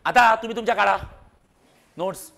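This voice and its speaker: A man's voice: high voice, fairly quick, vocal fry, pushed and bright. A man teaching a physics class in a classroom, quizzing and teasing his students with jokes. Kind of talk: classroom lecture.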